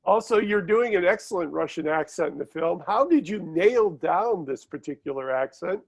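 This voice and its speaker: A male interviewer who hosts a film site reads prepared questions over a video call, keeping his replies formal and brief with short affirmations. His voice sits high with lively intonation, a moderate pace, vocal fry, and a breathy edge.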